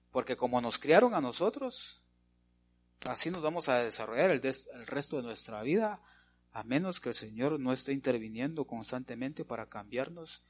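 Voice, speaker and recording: A man preaching a sermon with a somewhat husky, breathy voice at a middle pitch. He talks straight to his congregation, asking them questions and dropping frequent amens between points. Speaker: pastor.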